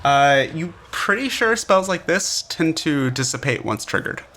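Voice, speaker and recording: A man narrating a tabletop game as game master, with halting, deliberate phrasing. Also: fairly high pitch, animated, bright, forceful tone. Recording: faint background noise.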